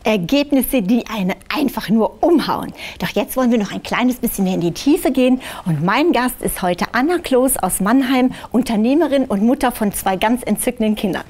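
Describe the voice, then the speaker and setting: A woman's voice: a little high, lively intonation, normal speed, hardly any pauses, darkish tone. A woman hosting an infomercial interview in a TV studio, putting questions to a guest.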